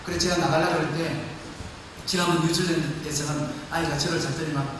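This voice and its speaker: A man preaching a sermon as a pastor, telling a story in an animated way and acting out the voices in it. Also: fairly high pitch, fast. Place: large church hall. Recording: echoey hall, far from mic, faint noise.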